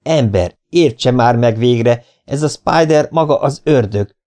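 A man's voice: mid-range voice, darkish tone, lightly acted. A man reading an audiobook, voicing a stern male police chief who barks orders at his men. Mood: exasperated. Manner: barking orders, stammering when shocked.

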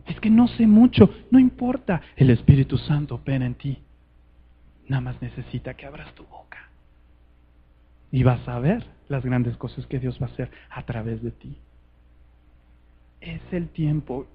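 A man preaching a sermon to a conference, urgent and fervent, swinging between loud appeals and hushed words. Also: mid-range voice, expressive, a little slow, pauses often, slightly rough, phone-quality sound.

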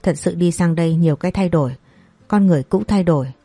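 Calm steady middle-aged guy giving advice, read by a woman, low dark voice, dry sound. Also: breathy edge, no echo, soft background music. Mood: measured. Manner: calm, measured, advising. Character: calm, thoughtful middle-aged brother-in-law.

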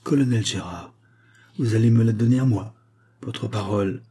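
Storybook heroine: a man doing a coaxing young lady, soft husky tone, gently insistent. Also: fairly low pitch, normal speed. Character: young woman pleading, then coaxing.

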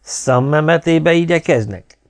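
A man voicing a suspicious police commander who asks measured questions. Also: a little high, voice pushed up, close to an everyday voice.

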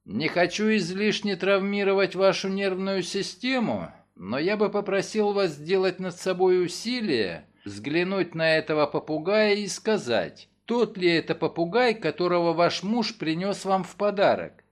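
Male reader doing a calm, quietly mocking defense lawyer, audiobook. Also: high voice, unhurried, hardly any pauses.

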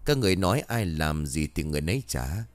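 A man's voice: very deep voice, very animated, fast talker, dry recording. A man voicing the hateful spirit of an old witch woman, bitter over her dead son. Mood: vengeful. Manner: bitter, full of hatred.

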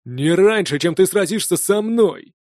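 A man's voice: high-pitched, animated, moderate pace, no echo, clean studio sound, voice pushed up. Man playing a swaggering viking challenger, Steki. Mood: boastful challenging. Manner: loud, swaggering. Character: boastful brash male viking challenger.

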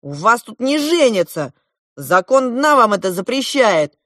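A woman reading a storybook aloud and voicing a jealous, hot-tempered boy who shouts his retorts. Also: on the high side, very animated, measured pace, no room sound, clean studio sound, voice pushed up, exaggerated voice. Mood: angry.

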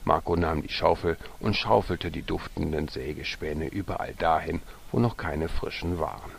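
A man reading a storybook aloud with gentle narration that sometimes drops to a soft whisper. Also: extremely low pitch, moderate pace, gravelly, slight background noise.

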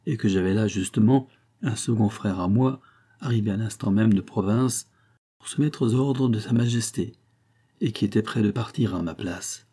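A man reading an audiobook and voicing a grave, loyal count who speaks in a measured, formal and earnest way. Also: lowish voice, mellow, breathy edge.

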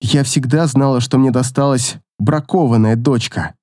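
A man voicing a cruel middle-aged mother in an audiobook, hurling shrill accusations. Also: moderate pace, a little mellow, dry recording, studio quality, natural voice. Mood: scornful. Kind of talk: audiobook character voice.

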